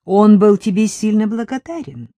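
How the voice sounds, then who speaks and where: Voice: mid-range voice, animated, normal speed, warm tone, dry recording, natural voice. An audiobook reader voicing an irritated husband who scolds his wife sarcastically during a quarrel. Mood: scolding. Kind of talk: audiobook character voice.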